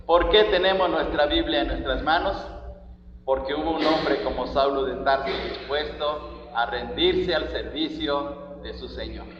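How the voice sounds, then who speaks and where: High-voiced man preaching in an echoey hall. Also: measured pace, background noise. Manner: emphatic preaching, stressing each phrase of scripture. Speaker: pastor. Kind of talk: sermon. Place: church hall. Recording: echoey lo-fi church hall recording.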